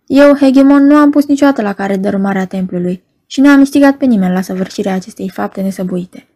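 A woman reading the lines of a gentle, timid young prisoner who answers in a hurried, shy way. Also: medium pitch, close to an everyday voice.

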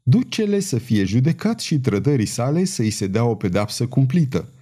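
A man voicing a grave marshal who speaks in a measured, cautious way. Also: medium pitch, very animated, dark tone. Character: grave middle-aged male marshal.

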